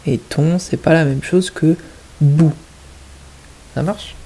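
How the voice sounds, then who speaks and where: A woman's voice: low-pitched, unhurried, mellow, breathy edge, rough recording. A woman teaching kindergarten children, patiently stressing each word and syllable. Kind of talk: teaching young children at home.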